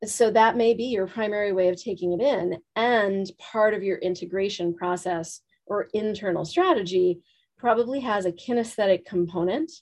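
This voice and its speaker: A woman leading a workshop, talking quickly and asking the room questions. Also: mid-range voice, a little mellow. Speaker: workshop teacher. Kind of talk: teaching a live group.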